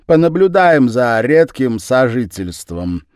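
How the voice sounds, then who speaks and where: A man voicing a shrill, loud housewife. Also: big pitch swings, takes it slowly, clear, resonant tone, dry recording, clean studio sound.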